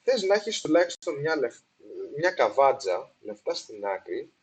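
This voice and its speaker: A man's voice: on the high side, big pitch swings, slightly rough. A man hosting a casual explainer on investing, slipping English phrases into his talk with many fillers and restarts, recorded with poor sound. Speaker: investing video host. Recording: poor sound quality, apologized for.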